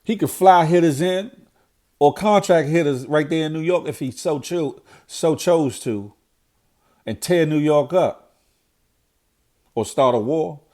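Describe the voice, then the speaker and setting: Fairly high and a little mellow, the man's stuffy, nasal voice moves slowly, broken by long pauses. He's a middle-aged vlogger delivering a blunt, preachy monologue on current events, and he repeats points when he gets heated.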